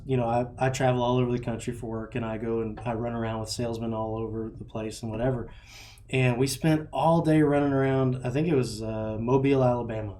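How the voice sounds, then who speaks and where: A man in his thirties, a podcast host telling rambling, animated stories about his kids and laughing at them. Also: medium pitch. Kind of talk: casual chat.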